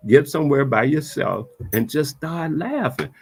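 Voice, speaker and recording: A man's voice: fairly high pitch, expressive, normal speed, gravelly, a little mellow, husky. A man talking to camera in a reflective, preachy monologue, repeating his points with emphasis in casual vernacular speech. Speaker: vlogger.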